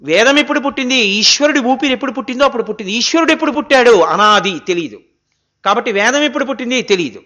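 A man delivers a religious discourse in a high, sharp, bright voice. He is animated and asks question after rhetorical question, and he breaks into chanted verses. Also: quick pace. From India. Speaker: spiritual discourse speaker. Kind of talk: Gita discourse, sermon.

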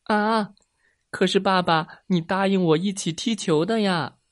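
An eager little boy from a children's storybook, as a woman voices him, high and childlike, crying out with feeling. The voice jumps well above the reader's own. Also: unhurried, natural voice. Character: young boy, eager and easily upset.

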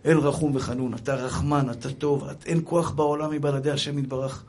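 A man's voice: medium pitch, steady tone, a little mellow. A man giving a religious lecture, telling stories emphatically and calling his listeners brothers. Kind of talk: Hebrew sermon with anecdotes.

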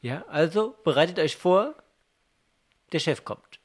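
A man's voice: fairly high pitch, expressive, unhurried. A man playing a cautious, suspicious male security guard in improvised role-play. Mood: wary.

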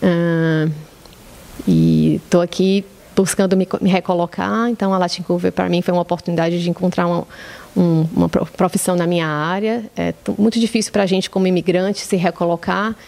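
Female podcast guest, late thirties, Brazilian accent, lowish pitch, gravelly fry, conversational answers. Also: fairly even intonation, fairly quick, a little mellow. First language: Portuguese. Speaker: podcast guest, social media coordinator.

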